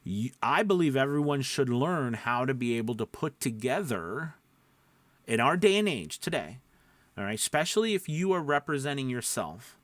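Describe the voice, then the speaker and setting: A voice-over coach and mentor speaks in a mid-range, sing-song voice with a slightly bright tone, at a moderate pace, and there's no room sound. His coaching is informal and conversational, emphatic and rambling; he interrupts himself and often checks in with short questions.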